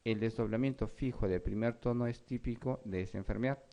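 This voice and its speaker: A man's voice: medium pitch, brisk, dark tone, highs cut off. A man giving an exam review lecture, reading questions and explaining them, often checking in with his students. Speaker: medical lecturer.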